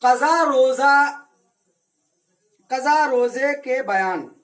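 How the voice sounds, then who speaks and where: Male religious teacher, children's lesson, self-answering questions, slow repetitive drilling. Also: extremely high pitch, animated. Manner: asks questions and answers them himself. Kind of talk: Arabic reading lesson for children.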